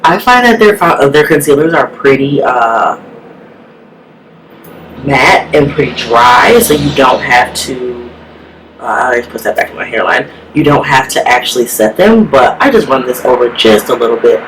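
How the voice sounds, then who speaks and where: An extremely low-pitched woman gives a chatty, casual makeup tutorial at a moderate pace, sprinkling in "like" all the time. Her low-quality recording has a steady background hiss.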